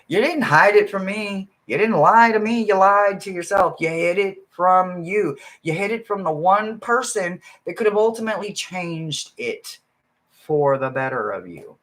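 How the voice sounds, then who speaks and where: A man, a spiritual card reader, talking casually to his viewers in a rambling way, often adding "right?" and swinging from soft murmurs to loud bursts. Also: fairly high pitch. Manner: rambling, keeps asking "right?". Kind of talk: casual spiritual livestream talk.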